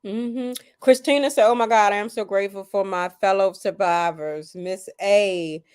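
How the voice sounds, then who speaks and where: A tired woman, still recovering from chemo, hosts a casual live chat from home. She talks with a preacher's warmth and gratitude and turns emotional easily. Her voice sits at an ordinary pitch and sounds dry and close. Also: steady tone, normal speed, clean tone, dry recording. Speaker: host.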